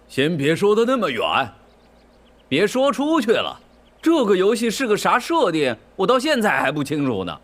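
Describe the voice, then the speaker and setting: A man's voice: high-pitched, huge pitch swings, moderate pace, fairly bright tone, full character voice. A man playing a dim-witted young male companion who talks bluntly and defensively.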